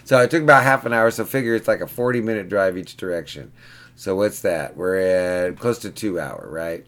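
Casual male vlogger, very low pitch, rambling storyteller, pinball repair guy. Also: moderate pace, a bit bright. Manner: rambling, chatty, keeps asking "right?".

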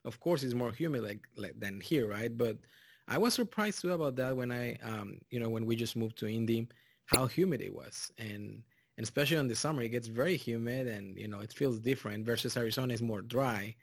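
A man's voice: medium pitch, vocal fry, dry recording, clean studio sound. Man with a Mexican accent hosting a podcast. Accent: Mexican Spanish. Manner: rambling, with many fillers and restarts; loud and drawn-out in the intro. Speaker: podcast host. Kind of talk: casual podcast chat.

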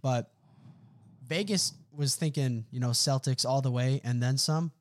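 A man's voice: medium pitch, measured pace. A young man co-hosting a casual sports podcast, laid-back, dropping "bro" and agreeing with "mm-hmm". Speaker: podcast co-host.

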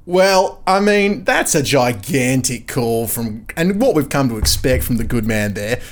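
A man's voice: medium pitch, lively intonation, a little slow. A man co-hosting a casual sports chat, talking in a laid-back, slangy, matey way. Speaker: sports podcast co-host.

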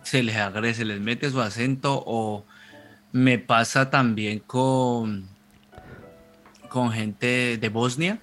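Bright-voiced man, slangy chatter. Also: mid-range voice, fairly even intonation, soft background music. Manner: rapid, laughing, slangy storytelling. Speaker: podcast co-host. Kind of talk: casual podcast chat.

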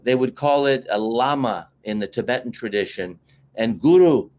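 This middle-aged marketing teacher from the US is a talkative interview guest, sharing long, storytelling answers peppered with fillers in a casual chat. He has a medium-pitched, slightly mellow voice and keeps a moderate pace.

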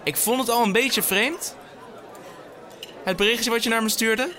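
With a very high, bright, forceful voice, a weary podcast host talks unhurriedly into his microphone for a comedic solo show as some chatter goes on behind him. He rambles, restarts with stammers, interrupts himself, and swears a lot.

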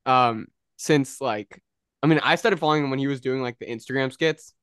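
A young man co-hosting a podcast in casual chat, telling stories in an animated way and laughing often. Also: mid-range voice, brisk, smooth, dry recording, studio quality. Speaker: podcast co-host.

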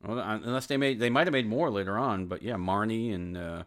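A middle-aged man with a very low, deep voice hosts a casual podcast chat. He rambles in a fatherly way, teasing his child between topics. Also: a little fast, a bit bright. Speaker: podcast host.

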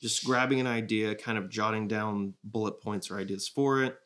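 Rambling and joking through his self-corrections, a man who writes sketches talks casually as a comedy interview guest. He speaks at a moderate pace with fairly even intonation, in a fairly low voice with a bit of brightness.

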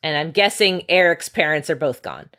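A woman's voice: sits low, animated, moderate pace, fairly bright tone. A young woman co-hosting a podcast, chatting playfully and swearing freely. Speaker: podcast co-host. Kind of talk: casual chat.

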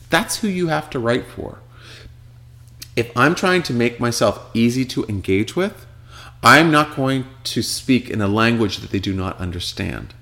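Animated man teaching social media writing. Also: mid-range voice, gravelly. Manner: conversational, asks the listener rhetorical questions. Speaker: social media marketing instructor. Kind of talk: casual instructional talk.

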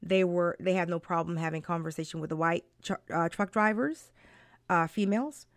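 A woman co-hosting a live-stream talk, chatting casually, animated and laughing often, with many restarts. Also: on the low side, moderate pace, no echo, studio quality.

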